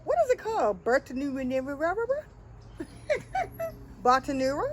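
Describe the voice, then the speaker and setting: Woman hosting a chill chat, a bit high-pitched, animated, laughs a lot, light hiss behind. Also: low-quality recording. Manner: animated, laughs often, drawn-out playful asides. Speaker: host. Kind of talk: casual chat.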